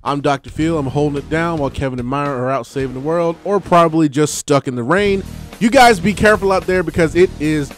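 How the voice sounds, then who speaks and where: Upbeat high-voiced radio host man. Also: fast talker, faint music behind. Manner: animated, laughs often, hype announcer delivery. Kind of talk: casual sports radio chat.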